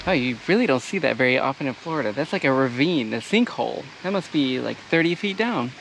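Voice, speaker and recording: A man hosting a casual hiking vlog outdoors, explaining the trail in a relaxed way with fillers. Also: medium pitch, fast talker, vocal fry, over music. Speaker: travel vlogger.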